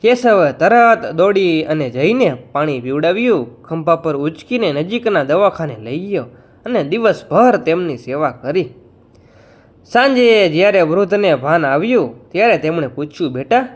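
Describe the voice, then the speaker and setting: A man narrating a scripted, emotional moral folk tale in an expressive storytelling manner. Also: on the high side, normal speed.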